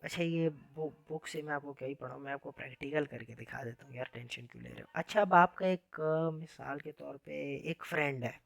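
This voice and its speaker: This male programming teacher's voice is a little high and gravelly, captured with no echo. His classroom lecture feels casual and friendly, full of chatty asides and frequent uses of "yaar."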